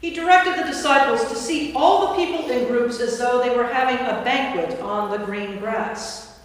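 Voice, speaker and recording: In a large indoor church, a woman with a fairly high voice reads scripture at a moderate pace as narrator and priest in a staged, scripted dramatic reading. She's picked up from a distance, and the hall is very echoey.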